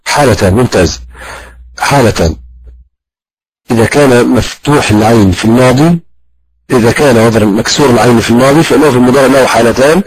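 Man teaching slowly, with many pauses. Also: medium pitch, slightly rough, dry recording, low-quality recording. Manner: slow and halting, with many drawn-out fillers; questions the class and praises the answers. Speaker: Arabic grammar teacher. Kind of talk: classroom lesson with audience questions.

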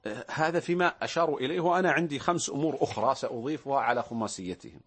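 Man, talk show guest, lively swinging pitch, quick delivery, lists points and acts out examples. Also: breathy edge. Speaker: guest expert. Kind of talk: studio talk show discussion.

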